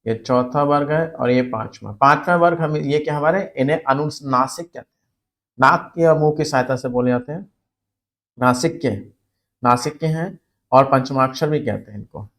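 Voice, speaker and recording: A man's voice: mid-range voice, normal speed, a bit bright. A man teaching a spelling and grammar lesson for exam students, explaining step by step and repeating words for emphasis.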